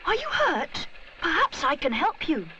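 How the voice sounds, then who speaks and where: An eager young boy bear from a children's cartoon, voiced by a woman. The voice is very high and leaps about in pitch, earnest, kind and full of curiosity. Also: huge pitch swings, measured pace, sharp tone, dull audio, slight background noise, exaggerated voice. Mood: concerned.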